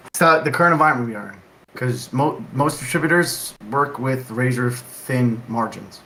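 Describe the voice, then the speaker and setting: A man's voice: mid-range voice, moderate pace, pushed and bright, slight background noise, poor audio. A man talking as a podcast guest in casual chat, rambling with lots of "like" and restarts. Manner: rambling, heavy use of "like" and restarts.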